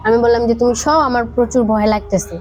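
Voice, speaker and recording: A young woman with a Bangladeshi accent, appearing as a podcast guest, chats about a ghost encounter she personally had. Her voice is a little high and she talks fast. The recording is rough, and music plays in the background.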